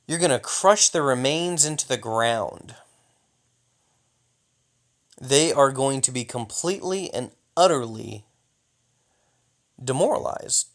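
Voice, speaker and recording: A young gaming YouTuber with a fairly high voice gives jokey, hyped-up commentary over replays of a mobile strategy game. He often mock-taunts an imagined opponent.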